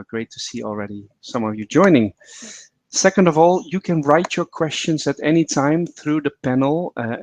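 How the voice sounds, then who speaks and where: Man moderating a webinar over video call. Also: mid-range voice. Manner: friendly, loose, with many fillers and restarts.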